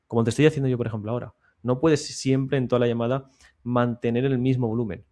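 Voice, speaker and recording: A man, speaking at a middling pitch, explains sales calls in a loose, chatty way. He talks in quick bursts and then turns quiet and slow to show how a question should land. It sounds like a sales coach talking straight to his viewers. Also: fairly even intonation. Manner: talks in bursts, drops volume and slows to demonstrate soft questions. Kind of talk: casual explainer to camera.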